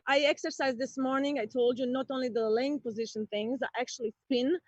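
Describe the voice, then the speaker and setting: High and bright-voiced, a Croatian comedian delivers her playful stand-up slowly and deliberately, with sudden excited outbursts. It's a dry recording with a slightly dull sound, typical of a home streaming mic.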